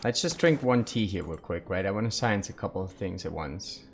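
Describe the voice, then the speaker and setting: A man's voice: deep voice, expressive, brisk, slight background noise. A man live-streaming a survival game, thinking aloud and chatting casually with his viewers.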